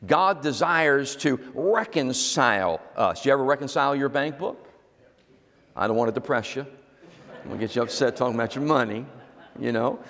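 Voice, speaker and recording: A man's voice: medium pitch, lively intonation, normal speed, a bit bright. Man preaching a sermon, echoey hall. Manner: teaching, repeats key words, asks the congregation to respond. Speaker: pastor.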